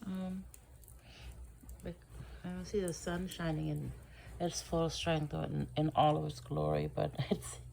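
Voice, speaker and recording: A freshly woken woman chats in a slow, meandering way on her living-room couch, with a gravelly, fry-heavy voice that sits low and dark. She trails off, restarts and fills gaps with soft "ums" and chuckles. Faint room noise sits quietly behind her. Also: flat delivery, low-quality recording. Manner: rambling and hesitant, many fillers, soft chuckles. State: groggy, just woke up. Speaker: vlogger. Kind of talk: casual morning vlog.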